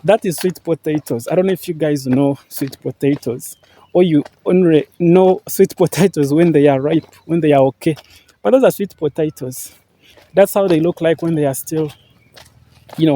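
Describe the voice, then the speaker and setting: A young Ugandan vlogger with a Ugandan English accent talks casually to camera while walking outdoors through green farmland, his voice a little high and mellow with a slight hiss or hum. He's earnest and repetitive, full of fillers, thanking viewers again and again.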